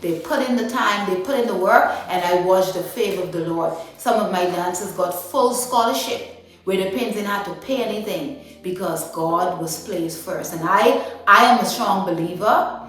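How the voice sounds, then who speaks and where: A woman's voice: medium pitch, moderate pace, a bit bright. Woman in a very echoey room. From Guyana. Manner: chatty, many "you know" fillers. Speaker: interview guest, dance ministry founder. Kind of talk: casual interview answers. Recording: echoey room, mic at a distance, music underneath.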